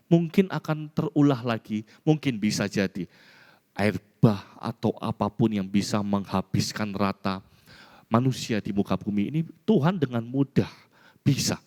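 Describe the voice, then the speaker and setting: A male pastor from Indonesia preaching a sermon, telling personal stories in an animated way. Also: mid-range voice. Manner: storytelling preacher, animated, mimics voices in anecdotes. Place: church hall. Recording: church hall reverb.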